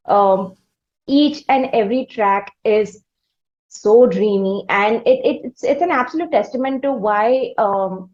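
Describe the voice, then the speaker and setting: A woman with an Indian accent and a mid-range voice hosts a music interview for a podcast. She talks in an effusive, wordy, roundabout conversational way, and the sound is lo-fi.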